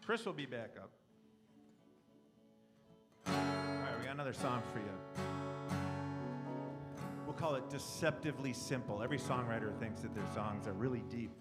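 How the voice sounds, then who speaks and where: A man's voice: mid-range voice, moderate pace, pauses often. A male host bantering easily from the stage and introducing the next song. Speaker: show host. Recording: loud live band music behind. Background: loud music.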